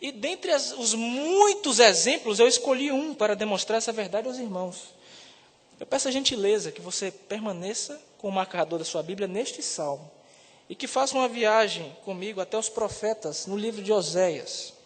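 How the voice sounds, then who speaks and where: A man preaches to a congregation, building to loud, emphatic peaks on the words he stresses. His voice sits fairly high, and it rings out in a church hall with a long reverb tail. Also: animated, normal speed. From Salvador, Brazil. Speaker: seminarian preacher. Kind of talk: sermon.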